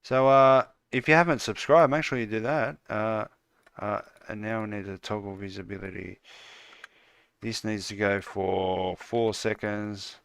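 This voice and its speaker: An Australian man chatting casually with viewers while building his game on a livestream, relaxed and full of "uh" fillers. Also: on the low side, measured pace, vocal fry, clean tone, no room sound. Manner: relaxed, lots of "uh" fillers, calls viewers "mate".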